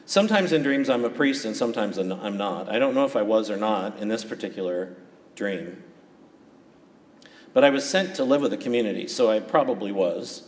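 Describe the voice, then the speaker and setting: A man, a priest, reading the Gospel and preaching at Mass in a calm, steady way, his voice carried by a long cathedral-like church echo. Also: fairly low pitch, moderate pace. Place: large church. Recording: reverberant church, faint background noise.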